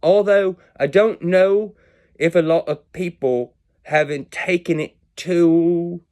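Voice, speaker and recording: A man's voice: a little high, measured pace, a little mellow. A man giving a rambling, philosophical monologue about numbers, meandering and self-mocking, his accent drifting in and out. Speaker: video creator musing on numbers and words.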